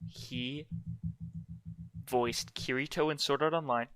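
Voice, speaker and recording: A man co-hosting a casual podcast, talking in an excited, joking way and reeling off trivia. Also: mid-range voice, slow pace, clear, resonant tone, no room sound. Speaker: podcast co-host. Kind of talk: casual chat.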